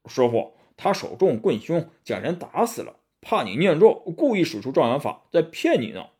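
A man's voice: on the high side, very animated, normal speed, darkish tone, slightly rough. A man voicing a lazy, meddling pig disciple who talks in a gossipy, sly way.

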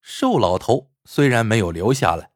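A man tells a folk tale with a husky voice and lively, wide-ranging intonation. The recording is dry and close, with no room sound. His delivery is expressive, in the manner of a traditional storyteller. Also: lowish voice, normal speed, no room sound.

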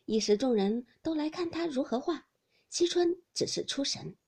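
A woman reading a classic novel aloud as a narrator, expressive and often dropping to a hush. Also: high voice, moderate pace. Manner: expressive, shifts between hushed and lively.

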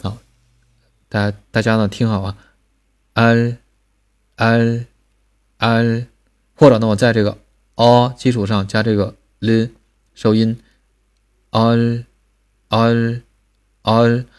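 Man, somewhat low voice, patient teacher, recorded pronunciation lesson. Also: level tone, a little mellow. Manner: patient, drills sounds slowly with repetition.

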